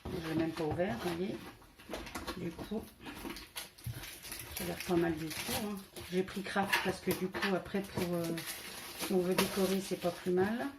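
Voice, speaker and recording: A woman's voice: on the low side, steady tone, unhurried, pauses often, heavy background noise. A woman from France presenting a casual scrapbooking haul, hesitant and full of fillers, counting items aloud as she shows them. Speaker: scrapbooking vlogger.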